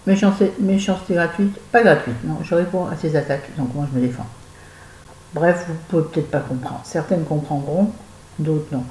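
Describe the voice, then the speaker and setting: A woman's voice: sits low, normal speed, a little mellow, echoey room, slight background noise, rough recording. A woman chatting casually to camera in a book review vlog, digressing often and talking straight to her viewers, at home. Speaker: book vlogger. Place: at home with a fan nearby.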